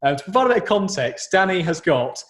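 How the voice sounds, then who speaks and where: A man's voice: high voice, sing-song, fast talker, fairly bright tone. A young man with a southern English, British accent chatting casually about football in informal slang as a podcast co-host. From southern England. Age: young adult. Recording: roomy, echoey sound.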